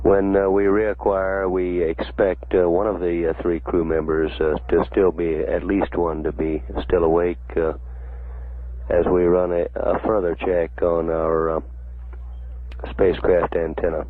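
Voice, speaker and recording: Low, flat male mission control announcer over radio. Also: no room sound. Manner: halting, measured official delivery. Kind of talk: live spaceflight commentary. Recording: narrow-band 1960s space mission radio audio.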